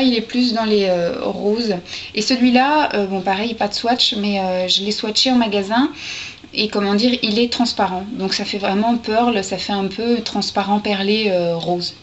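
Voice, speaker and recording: A woman chatting casually to her camera as a beauty vlogger, hesitant and full of fillers, with little asides as she handles things. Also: medium pitch. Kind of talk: casual haul chat to camera. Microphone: camera's built-in mic. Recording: dull lo-fi camera audio with steady hiss.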